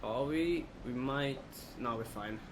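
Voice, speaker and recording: A gaming video host with a mid-range voice speaks slowly, thinking aloud in casual, unscripted let's play commentary. The recording is clear, with a steady hum like air-conditioning in the background.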